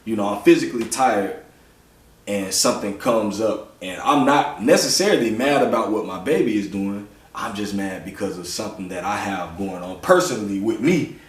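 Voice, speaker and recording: A man's voice: fairly low pitch, expressive, moderate pace. A man hosting a podcast, talking in a loose, reflective way with lots of "you know". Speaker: podcast host. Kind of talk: casual conversational interview. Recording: roomy sound from a distant mic.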